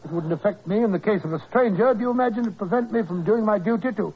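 An actor playing a steady, kindly male doctor who narrates and reassures in a brisk, earnest way, in 1940s radio acting. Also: high voice, slightly rough. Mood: concerned. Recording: muffled old radio broadcast.

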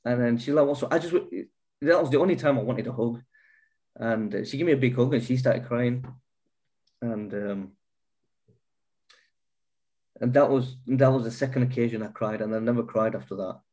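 A man of middle pitch speaks earnestly about a hard stretch of his life. He swears freely and often restarts his sentences, with an unpolished, candid delivery. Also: moderate pace, long pauses, dark tone. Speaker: guest. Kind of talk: candid personal storytelling.

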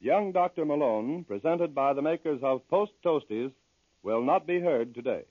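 Guy doing 1940s radio announcing, slightly high voice, dull dry old-time radio sound. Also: expressive, no room sound. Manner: measured, formal announcer delivery. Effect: old-time radio broadcast sound.

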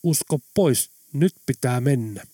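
A calm, prophetic old man of the northern wilds, speaking in measured, solemn lines, as an audiobook narrator puts him on. His delivery is grave and unhurried, recorded close and dry with no room sound. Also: medium pitch, slightly rough, no room sound. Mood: firm. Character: mysterious calm older Lapland man, prophetic.

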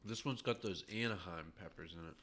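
A man co-hosting a casual podcast, tasting beer and telling jokes in an animated way. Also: low voice, brisk, slight background noise. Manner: animated, laughs at own jokes. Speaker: podcast co-host. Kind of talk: casual chat, joke telling.

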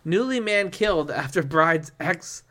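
Male podcast co-host, somewhat high voice, rambling and excitable, laughs nervously through stories. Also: a little slow. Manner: rambling, animated, laughs nervously while reading. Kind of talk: casual podcast chat.

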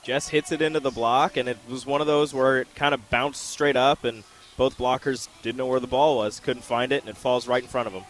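A man giving relaxed, chatty color commentary on live volleyball for radio, breaking down how each play unfolded. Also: medium pitch, brisk. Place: arena broadcast position high above the court.

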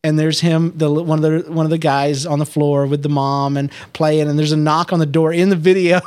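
A man's voice: little pitch movement, brisk, darkish tone, clean tone, no echo. A man co-hosting a casual podcast over a Skype call, joking around and breaking into silly voices. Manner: joking, breaks into high-pitched impressions and giggles. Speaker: podcast co-host. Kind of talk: casual chat.

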